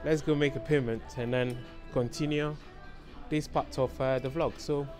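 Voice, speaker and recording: A man's voice: mid-range voice, steady tone, normal speed, darkish tone, soft background music. A man in his forties chatting casually to viewers as he films a shopping vlog with a handheld camera. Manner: chatty, fillers, talks to viewers. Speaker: vlogger. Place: clothing store and busy street. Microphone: handheld camera at arm's length.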